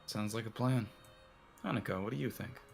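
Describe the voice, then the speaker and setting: A man narrating a visual novel in a put-on cowboy drawl. His voice sits very low and has a gravelly edge, with faint music playing under the reading. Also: fairly quick. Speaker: narrator and lead reader.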